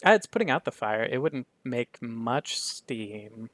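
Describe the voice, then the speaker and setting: A man running a tabletop game as game master, relaxed and thinking aloud. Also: mid-range voice, a little slow, background noise.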